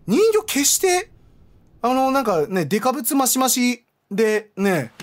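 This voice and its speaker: A man streaming a horror game, panicky and rough-spoken, often shouting in fear. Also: extremely high pitch, sing-song, unhurried. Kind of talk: horror game let's play commentary.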